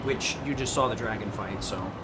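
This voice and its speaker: A man's voice: on the low side, moderate pace. Male speedrunner talking over background noise. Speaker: speedrunner commentating on his own game run. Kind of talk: casual speedrun commentary. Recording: clearly noisy home gaming recording.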